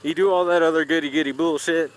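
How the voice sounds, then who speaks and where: A man's voice: on the high side, fairly even intonation, fast, rough recording. A man motovlogging in casual, rambling, blunt and sweary chat, talking from inside a helmet as he rides. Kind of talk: casual rambling vlog chat while riding. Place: outdoors on a moving motorcycle. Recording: loud engine and wind noise. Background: engine, vehicle and road noise.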